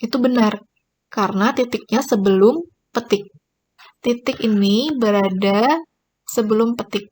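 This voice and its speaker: A woman's voice: a little high, unhurried, pauses often, a little mellow. A woman teacher giving a recorded grammar lesson, explaining each point and pointing at examples on screen. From Indonesia.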